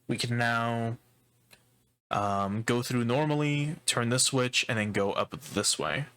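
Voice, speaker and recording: A man's voice: mid-range voice, takes it slowly, a bit bright. A man casually commentating his horror game playthrough as a streamer, talking through puzzle steps with loose fillers and the odd swear. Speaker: gaming streamer. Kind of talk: casual let's-play commentary.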